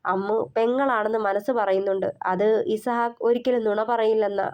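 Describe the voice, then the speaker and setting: A woman author narrating her own novel in a steady storytelling voice. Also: mid-range voice, a little fast, clear, resonant tone, highs cut off.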